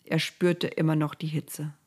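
Storyteller, woman, calm and measured, lowish voice. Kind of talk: storybook narration.

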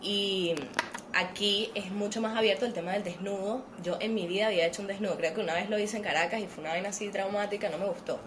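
Casting: woman, Venezuelan Caribbean Spanish accent, mid-pitched, informal and slangy storyteller in casual conversation, slight background noise. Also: fairly even intonation, fast talker. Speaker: podcast guest, actress and model. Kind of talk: casual chat, telling own story.

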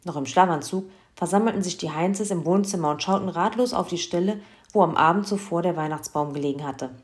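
A woman reading a children's Christmas story aloud in a lively, expressive way. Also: on the low side, brisk.

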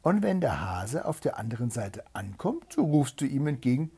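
A man's voice: medium pitch, big pitch swings, moderate pace, dark tone, exaggerated voice. A man voicing a crafty, stubborn hedgehog who is bossy and blunt, in a fairy tale reading. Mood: gruff. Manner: blunt, gruff and sly.

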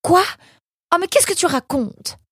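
A woman doing a fussing, high-pitched animal mother. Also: expressive, moderate pace, darkish tone, husky, no room sound, studio quality.

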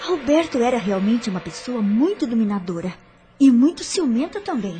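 In a radio soap opera, an actress plays a troubled widow, speaking earnestly and respectfully as she tries to be understood. Her fairly high voice is very animated and dark in tone, moving at a moderate pace over background music.

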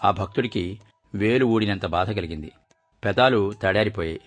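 A man reading a short story aloud as narrator, telling it in a measured, expressive way. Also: lowish voice.

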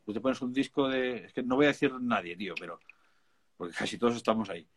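A man's voice: mid-range voice, fast talker. Slangy Spanish man talking music production. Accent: Spain Spanish. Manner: chatty, informal, emphatic, peppered with slang. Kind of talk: casual chat.

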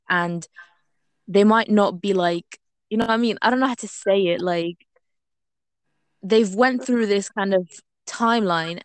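A woman whose first language is not English co-hosts an informal explainer, haltingly searching for words as if translating in her head. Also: mid-range voice, clear, resonant tone, no room sound. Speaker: co-host.

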